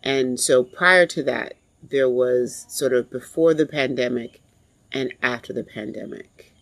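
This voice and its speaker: A woman in her forties telling a personal story in a reflective, halting way. She is grieving and pauses often to compose herself. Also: rumbling low, poor audio. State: grieving, emotionally strained.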